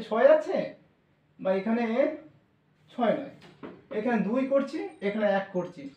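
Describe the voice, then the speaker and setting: High-voiced male teacher in roomy classroom. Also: darkish tone, highs cut off. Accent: Bengali. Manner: informal, reassuring, addresses students familiarly, thinks aloud. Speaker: maths teacher. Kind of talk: classroom lesson. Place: classroom with blackboard. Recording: roomy, voice from a distance.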